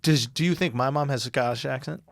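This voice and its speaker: A man's voice: medium pitch, fast talker, gravelly, dry recording. A man co-hosting a comedy podcast, joking crudely and laughing often in loose banter. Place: podcast studio.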